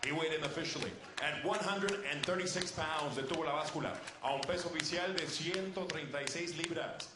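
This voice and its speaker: High, echoing male boxing ring announcer. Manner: formal, theatrical, drawn-out names. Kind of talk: bilingual English and Spanish ring announcing. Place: boxing arena. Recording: echoey PA in noisy arena.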